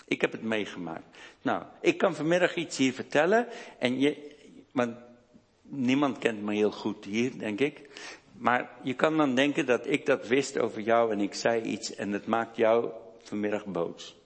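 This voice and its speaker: A man delivers a sermon at an average pitch, taking his time, pausing and restarting as he searches for words. His voice carries a long reverb from a large hall. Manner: slow, deliberate delivery with hesitations and restarts. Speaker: preacher.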